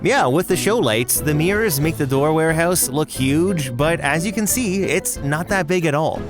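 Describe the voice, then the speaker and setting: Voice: medium pitch, lively intonation, normal speed, music in the background. A host giving scripted video narration in a casual, explanatory way, as for a countdown.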